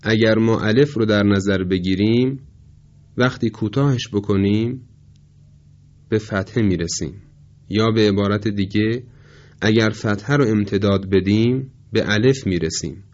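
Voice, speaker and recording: A man teaching Quran recitation pronunciation in a measured, polite way, drawing out his example words slowly. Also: fairly low pitch, a little mellow. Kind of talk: tajweed pronunciation lesson. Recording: dull lo-fi recording.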